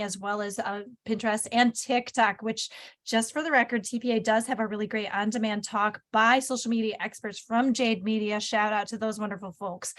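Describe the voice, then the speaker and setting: A woman with a Midwestern accent moderating a panel, bubbly and joking as she recaps points and asks questions. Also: a little high. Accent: Midwestern American.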